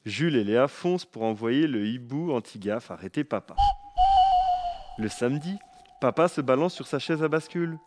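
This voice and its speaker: A man narrating a children's story with an expressive, lively reading. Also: medium pitch, normal speed, very noisy.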